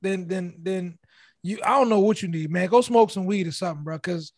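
Man, high voice, dry close recording, animated storyteller in casual banter. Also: a little fast, no echo. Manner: animated storytelling, laughs often. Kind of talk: casual group chat.

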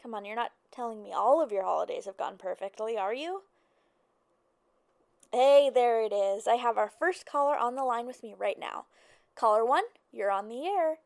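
Smooth radio host, a woman playing her. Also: on the high side, moderate pace, darkish tone, no echo, studio quality. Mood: chipper. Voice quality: breezy, chatty patter. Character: upbeat female small-town radio host. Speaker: radio call-in show host.

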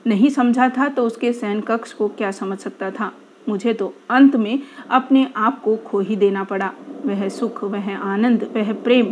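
Woman reading a story aloud, measured. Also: medium pitch, darkish tone, a little hiss or hum.

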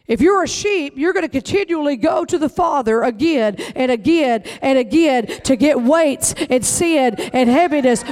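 Man preaching a fiery, folksy sermon in a very high voice. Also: a little mellow. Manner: emphatic preaching, folksy Southern phrasing. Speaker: pastor.

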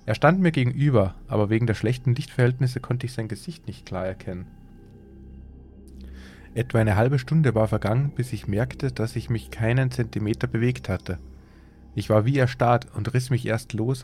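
A man's voice: mid-range voice, a little mellow. Man reading a horror story over faint music. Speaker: podcast host and story reader.

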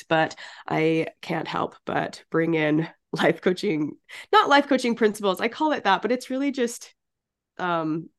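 A woman hosting a faith podcast with a slightly low, gravelly voice, roughened by a cold. She talks in a chatty, upbeat way and laughs easily. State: has a cold. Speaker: podcast host. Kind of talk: casual podcast chat.

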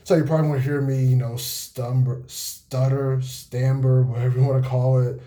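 A nineteen-year-old man hosting a casual solo podcast, talking in a laid-back monotone with many fillers and pauses, recorded on a cell phone. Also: medium pitch. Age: young adult. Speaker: podcast host.

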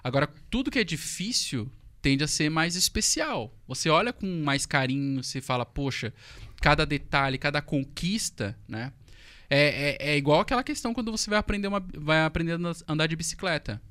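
A man's voice: fairly high pitch, fairly quick. A man, a podcast guest telling stories in casual, slangy talk, repeating himself. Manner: slangy, animated, repeats words. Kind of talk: casual storytelling.

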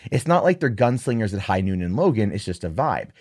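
Sarcastic low-voiced man ranting about movies. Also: brisk. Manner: sarcastic, exasperated, animated rants. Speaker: movie news commentator. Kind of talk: opinionated solo commentary.

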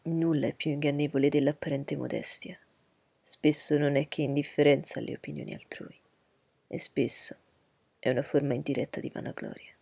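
A woman reading aloud voices a proud, reserved gentleman who speaks in a cool, measured, lecturing way. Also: sits low, steady tone, vocal fry, slightly rough, no room sound, voice pushed down, heavily acted.

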